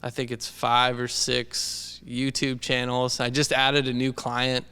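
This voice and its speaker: A man co-hosting a casual podcast chat in an animated, reflective, informal way. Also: medium pitch, slow pace, clean tone, long reverb tail. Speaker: podcast co-host; video editor. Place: indoors.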